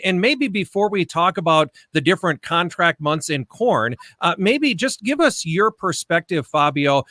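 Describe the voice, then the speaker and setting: Bright-voiced male podcast host, dry mic. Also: fairly high pitch, no echo. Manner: friendly scripted intro, then conversational questions. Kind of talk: interview hosting.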